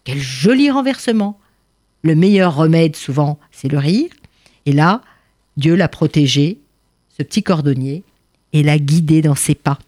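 A woman storyteller recounting a folk tale with animated, exclamatory delivery. Her pitch rides high and low with great liveliness, and the recording is close and dry with no room echo. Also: a little slow, long pauses.

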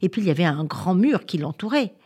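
A woman storyteller reading a tale aloud in a lively way, speaking directly to her listeners. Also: on the low side, fast talker, husky.

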